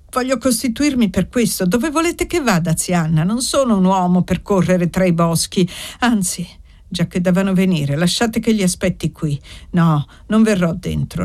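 A woman's voice: lowish voice, lively intonation, moderate pace, a little mellow, lightly acted. A woman reading as a desperate young woman. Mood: resolute.

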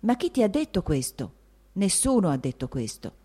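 A woman's voice: fairly low pitch, big pitch swings, normal speed, warm tone, breathy edge, pitched above the performer's own voice. Dolly, a woman voicing a patient elder sister. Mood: soothing. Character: older married sister, gentle and patient. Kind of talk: audiobook dialogue acting.

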